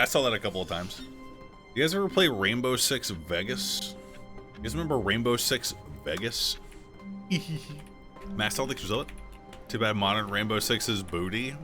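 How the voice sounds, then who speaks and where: A man streaming a video game, making crude, joking asides and rants to his chat. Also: on the low side. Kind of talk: casual game-stream commentary.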